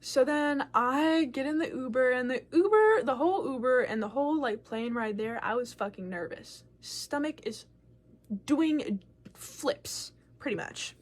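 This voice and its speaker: A little slow and high-voiced, a young woman vlogger recounts a personal story to camera in a casual, frank way, swearing freely and filling it with filler words. Her telling is animated, with loudness that varies as she speaks.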